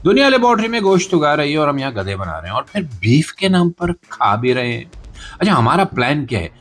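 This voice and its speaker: Hosting a podcast of satirical news commentary, a man with a Pakistani accent is sarcastic, theatrical and rhetorical. His voice is slightly high, bright and sing-song, and he speaks briskly.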